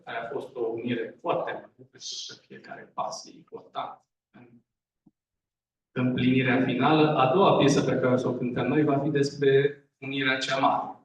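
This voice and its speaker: A man's voice: medium pitch, fairly even intonation, lo-fi sound. A man from a band introducing songs to an audience, earnest and a little hesitant. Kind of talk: informal stage talk to an audience. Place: large echoey hall. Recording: echoey hall from far off.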